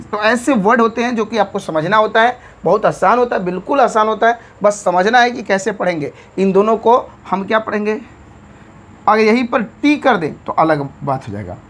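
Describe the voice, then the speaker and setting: A woman with an Indian accent teaching an English vocabulary lesson, spelling words letter by letter and often checking in with "theek hai". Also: medium pitch.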